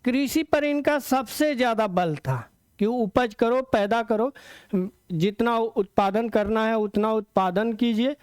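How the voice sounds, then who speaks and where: A man's voice: very high voice, a little slow, clean tone, no room sound. A man teaching an exam-prep lecture, explaining step by step, repeating key words and asking rhetorical questions.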